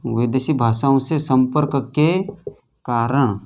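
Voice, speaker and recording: A man's voice: mid-range voice, a little mellow. A man teaching a Hindi grammar lesson for exam preparation, repeating phrases and asking and answering his own questions as he writes. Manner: repetitive, asks and answers own questions, addresses "friends"; halting, restarts phrases while writing.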